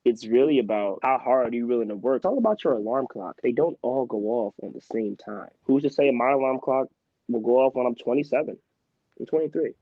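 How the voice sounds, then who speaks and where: A man in his twenties from Philadelphia speaks as an interview guest, building his points with animated, emphatic energy. His voice sits in a middle range. The recording is close and dry, with a slightly muffled, dull tone. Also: mid-range voice, a little fast, dry recording. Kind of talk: casual interview talk.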